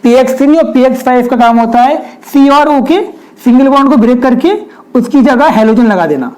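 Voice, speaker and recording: A man's voice: extremely high pitch, animated, fairly quick, a little mellow, rough recording. Man teaching chemistry, quizzing students. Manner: repeats rhetorical questions, addresses students directly. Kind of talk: whiteboard lecture.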